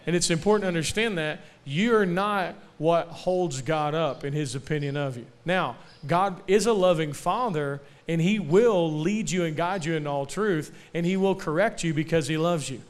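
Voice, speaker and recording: A young man delivers a sermon at a camp meeting, his voice a touch high and smooth, even resonant. He keeps calling for amens and asking the crowd questions, and he slows down to press home the lines that matter most. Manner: call-and-response, asking for amens; slows down to stress key phrases. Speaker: preacher.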